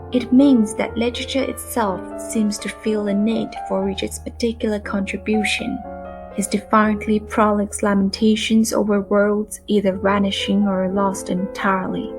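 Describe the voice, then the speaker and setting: A woman narrating a literary audiobook in a measured, calm reading voice. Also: mid-range voice.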